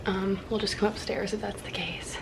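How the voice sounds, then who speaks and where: A woman's voice: mid-range voice, fairly even intonation, moderate pace, noisy background. A woman chatting casually to camera in a hesitant, rambling way with lots of filler. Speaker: vlogger.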